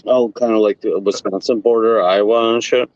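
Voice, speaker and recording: A man's voice: fairly low pitch, steady tone, normal speed, a little mellow. A man from Illinois chatting casually and profanely while driving through the city, his voice coming through tinny and metallic. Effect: tinny, metallic-sounding audio. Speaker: streamer driving. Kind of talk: casual live-stream chat. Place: inside a vehicle on city roads. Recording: dull, tinny stream audio.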